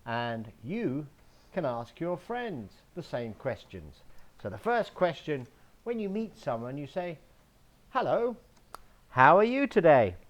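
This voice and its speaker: English guy teaching little kids, super slow, bouncy up-and-down voice, spells stuff out. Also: fairly high pitch, big pitch swings, highs cut off. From England. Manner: sing-song, spells words letter by letter. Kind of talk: slow English lesson for young children. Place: home garden, outdoors.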